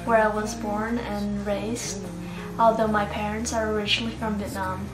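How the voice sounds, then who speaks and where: A woman's voice: medium pitch, little pitch movement, normal speed, over music. Reflective young woman, roomy distant sound. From Norway. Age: young adult. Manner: reflective, searching for words. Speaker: interviewee, international student. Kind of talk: interview answers. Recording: echoey room, mic at a distance.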